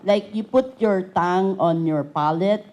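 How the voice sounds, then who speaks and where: Slow, deep-voiced woman puppeteer. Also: darkish tone. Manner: slow, halting, demonstrates voices. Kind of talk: casual demonstration.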